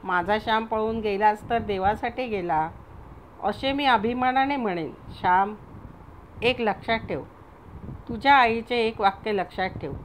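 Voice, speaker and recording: A woman reading a gentle mother comforting her young son in a storybook tale, her tone tender and soothing. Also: fairly high pitch, a little slow, slight background noise, close to an everyday voice, rough recording.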